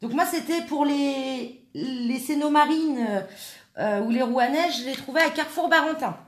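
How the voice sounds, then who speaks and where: A woman's voice: high voice, normal speed. A woman hosting a live craft tutorial, chatting while she works and answering viewers by name. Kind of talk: live craft demonstration with chat replies. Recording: echoey room.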